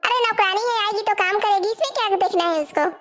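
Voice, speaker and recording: A woman voicing a sharp-tongued young daughter-in-law in a cartoon, talking back with sarcasm in a very high voice. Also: fast, faint music behind. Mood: sassy. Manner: snappy, sarcastic back-talk. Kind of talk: cartoon voice acting.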